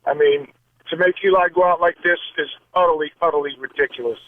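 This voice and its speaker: Upset caller guy on a tinny phone line, kinda high voice, keeps repeating himself. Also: steady tone, fast. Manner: upset, repetitive. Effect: phone call on radio. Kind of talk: call-in radio.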